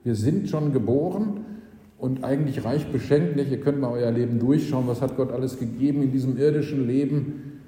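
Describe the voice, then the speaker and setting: A man's voice: medium pitch, moderate pace, warm tone. Male preacher in a reverberant hall. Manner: explaining, with frequent rhetorical "nicht?". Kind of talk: sermon. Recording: roomy hall with long reverb.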